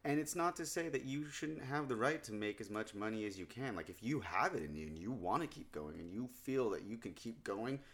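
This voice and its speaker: A man's voice: lowish voice, lively intonation, a little fast, few pauses. A man in casual podcast chat, rambling and swearing freely with lots of fillers.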